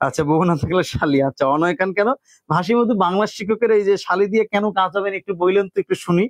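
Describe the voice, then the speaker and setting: A man's voice: high-pitched, quick pace, no echo. Bangladeshi man teaching a live class. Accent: Bangladeshi Bengali, colloquial. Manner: explains step by step, reads out student names, calls listeners "bhai". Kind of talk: live online exam-prep class.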